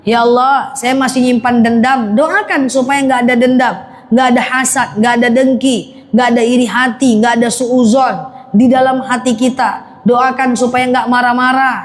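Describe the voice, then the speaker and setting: A woman preacher giving a lively religious lecture to a women's congregation, joking and speaking to them directly. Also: fairly high pitch, normal speed. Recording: faint background noise.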